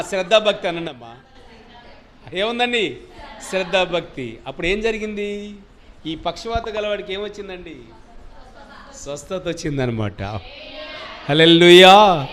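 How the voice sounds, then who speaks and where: A pastor preaching a sermon with call-and-response and sudden loud cries. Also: male voice, high voice, a little slow, pauses often, a little hiss or hum. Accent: Telugu.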